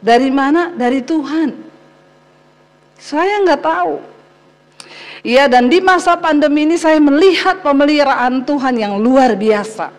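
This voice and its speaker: A woman pastor preaching a sermon as a lively personal story, speaking straight to the congregation and laughing often. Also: sits high, unhurried, pauses often. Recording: long hall reverb.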